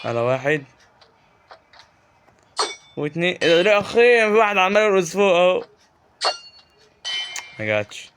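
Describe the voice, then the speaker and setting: A man's voice: sits high, very animated, brisk, long pauses, background noise. A man with an Egyptian Arabic accent giving casual Let's Play commentary, chatty and joking, talking back to the game's creatures. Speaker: gaming YouTuber.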